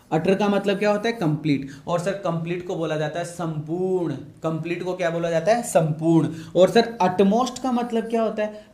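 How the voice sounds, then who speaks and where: A man's voice: on the high side, a little mellow. A male teacher, giving a lecture, repeating each point and answering his own questions. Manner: repetitive, asks questions and answers them himself. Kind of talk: classroom-style lecture. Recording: echoey room.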